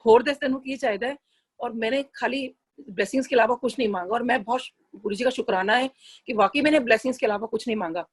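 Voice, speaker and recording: Husky-voiced woman sharing a devotional story. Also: a little high, quick pace. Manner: chatty and earnest, mixing in English phrases, with frequent restarts. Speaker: satsang devotee sharing a personal experience. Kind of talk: casual spoken testimony.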